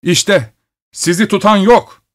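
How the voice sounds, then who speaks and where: A man's voice: sits high, takes it slowly, voice pushed up. A man voicing a fussy older male servant, complaining in a raised voice. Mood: fussing.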